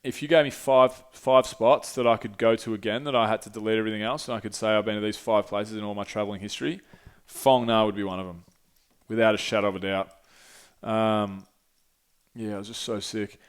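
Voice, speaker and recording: Laid-back young man, smooth voice. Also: lowish voice, steady tone, brisk. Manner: rambling, laid-back, swears freely, lots of fillers. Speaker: podcast guest telling travel stories. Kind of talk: casual storytelling.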